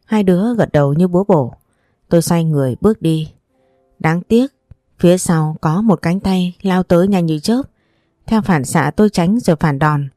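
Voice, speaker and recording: A woman reading a first-person story aloud in a steady, even storytelling manner. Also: fairly low pitch, moderate pace, no room sound, clean studio sound. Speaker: audiobook reader.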